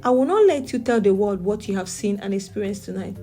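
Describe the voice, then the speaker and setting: A woman voicing a sinister female river spirit who speaks in a low, threatening intonation. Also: animated, fairly quick, dark tone, faint music behind, natural voice.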